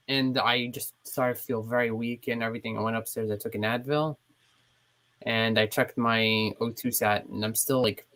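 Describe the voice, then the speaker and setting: A man in casual chat who is short of breath, telling his story in a rambling, animated way. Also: mid-range voice, gravelly. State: short of breath while ill. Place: home, in bed.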